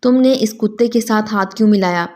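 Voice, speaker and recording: A woman's voice: medium pitch, a little mellow, lightly acted. A woman reading a hot-tempered, possessive young man.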